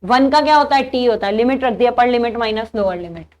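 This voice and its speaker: A woman's voice: fairly high pitch, lively intonation, fast talker, darkish tone. A young woman teaching an engineering class, working through each step aloud and answering her own questions. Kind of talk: engineering lecture.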